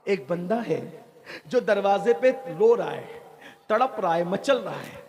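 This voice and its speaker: A man's voice: high voice, animated, unhurried, darkish tone, long reverb tail. A man voicing a caring companion who questions a weeping stranger and then pleads on his behalf. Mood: interceding. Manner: earnest, urgent pleading on another's behalf. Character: concerned male companion, caring and earnest.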